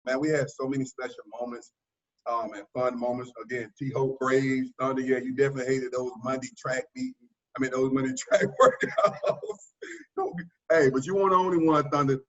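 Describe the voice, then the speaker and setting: A man tells joking stories on a video call and acts out old teasing. His voice is mid-pitched, and the call audio sounds dull and lo-fi. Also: fairly even intonation, quick pace. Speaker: former player on a team reunion call. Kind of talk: casual reminiscing.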